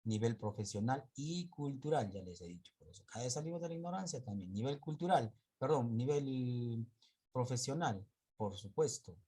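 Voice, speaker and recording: A man teaching an online class, lecturing slowly and haltingly, often stopping to correct himself. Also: mid-range voice, animated, dark tone, husky.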